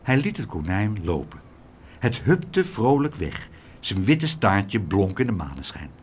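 A man reading a children's story aloud as narrator, in an expressive storyteller's way. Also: fairly low pitch, unhurried, slight background noise.

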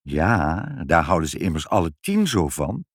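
A man voicing a fussy elderly male civil servant, a grandfather who talks gruffly and gets muddled, in a storybook reading. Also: low-pitched, huge pitch swings, normal speed, dry recording, clean studio sound, pitched below the performer's own voice, exaggerated voice. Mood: doting. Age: older. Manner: gruff, then doting and muddled.

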